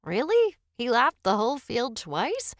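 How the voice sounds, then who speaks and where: A woman's voice: mid-range voice, lively intonation, measured pace, dry recording, clean studio sound. A woman voicing a curious teenage girl who asks eager questions.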